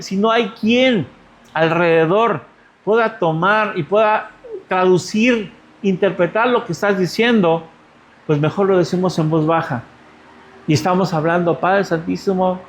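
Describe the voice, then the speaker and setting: A man's voice: sits high, a little hiss or hum. A Mexican male pastor giving a conversational sermon, asking the congregation rhetorical questions. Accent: Mexican Spanish.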